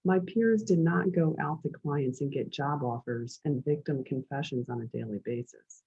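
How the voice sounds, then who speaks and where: A woman's voice: sits low, moderate pace, vocal fry, mellow, husky, highs cut off. A woman with a light Philadelphia accent, reading her own memoir aloud with conversational asides.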